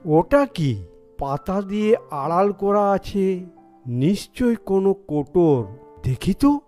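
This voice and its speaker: A furtive, cowardly village snoop in a cartoon fairy tale, as a voice actor plays him. He talks slowly in a low, scheming mutter and turns to pleading. Faint music sits behind him. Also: lively intonation, dark tone.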